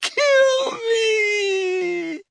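Dumbledore, tormented old wizard wailing high. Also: male voice, fairly bright tone, dry recording, shouting, clean studio sound, exaggerated voice. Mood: agonised despair. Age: older. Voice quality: breathy, wavering, high moaning voice. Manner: sobbing, pleading, drawn-out wails. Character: anguished elderly male wizard, begging, tormented, weakened.

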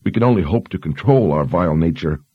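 A man's voice: sits low, expressive, fast, slightly rough, no room sound, lo-fi sound. A man voicing a frightened, dutiful young woman sergeant who speaks earnestly and deferentially. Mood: anxious.

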